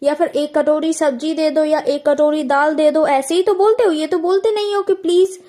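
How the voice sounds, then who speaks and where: A woman's voice: high-pitched, steady tone, dark tone. A woman teaching an English grammar lesson. She asks the listener questions and answers them herself, and she repeats key words. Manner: slows down and stretches out example phrases.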